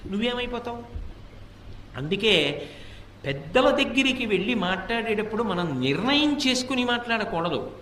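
A man with a high, bright voice gives a devotional discourse, firing off rhetorical questions and slipping into the voices of the people he quotes. He sounds a little far from the mic, in an echoey hall with faint noise behind him. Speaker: religious discourse speaker.

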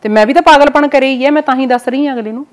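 A middle-aged woman from Punjab speaks quickly in a somewhat high voice, giving blunt and earnest advice as a guest. She sounds like a mother warning other families. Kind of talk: casual interview talk.

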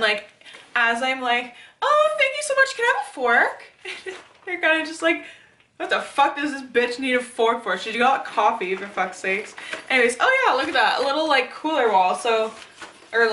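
Bright, chatty young woman vlogging. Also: on the high side, roomy sound, distant mic, slight background noise. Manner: chatty, rambling, swears casually. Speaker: fitness vlogger. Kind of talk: casual vlog. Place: small bedroom, then inside a parked car.

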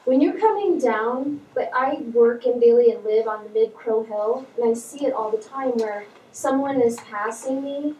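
A woman's voice: a little high, moderate pace, few pauses, dark tone, a little hiss or hum. A woman from the audience at a town hall, earnestly describing a passing problem near her home in detail. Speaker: resident asking a question. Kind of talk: public comment at a town hall. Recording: roomy, distant mic pickup.

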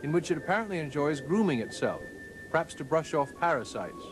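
A man narrating a scripted nature documentary in a measured, formal storytelling manner. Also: on the high side, very animated. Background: background music.

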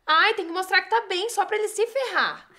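A woman's voice: extremely high pitch, pushed and bright. A woman playing a pushy, upbeat best friend who urges her friend to look happy. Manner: pushy, brisk and cheering on. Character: bossy, upbeat best friend of a dumped girl.

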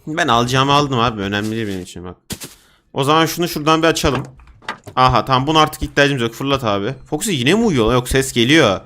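A man giving casual gameplay commentary, excitable and slangy, yelling at game characters and then dropping to mutters. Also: mid-range voice, fast, faint music behind. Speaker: gaming streamer.

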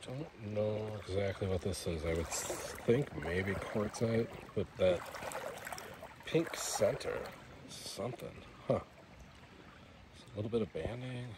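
A man with a very low voice talks casually to his camera outdoors by a river, musing and unsure as he puzzles over rocks. He records on an action camera, with running water clearly audible behind him. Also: slow, background noise. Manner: musing, unsure, thinking aloud while identifying rocks. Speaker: vlogger rockhounding on a river trip. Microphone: action camera mounted on a kayak.

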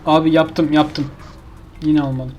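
A man's voice: fairly high pitch, little pitch movement, unhurried, a little mellow, highs cut off, slight background noise. A man giving casual commentary over his own gameplay, exasperated and complaining to himself as he keeps failing. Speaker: gaming YouTuber.

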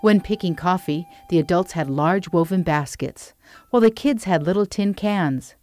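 Calm woman narrating a documentary. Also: lowish voice. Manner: calm, measured documentary delivery. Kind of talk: scripted narration. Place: studio voice-over.

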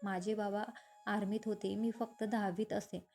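A woman's voice: mid-range voice, level tone, moderate pace, dark tone, faint music behind, close to an everyday voice. A woman voicing a proud, strong-willed young woman from a poor family, hurt and defiant in a narrated romance story. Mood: sad.

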